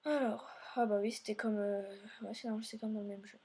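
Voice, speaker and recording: A woman's voice: mid-range voice, fairly even intonation, brisk, darkish tone, husky. A woman hosting a let's play, narrating her gameplay in a meandering way and talking straight to her viewers. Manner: meandering, filler-heavy narration while playing; speaks directly to viewers.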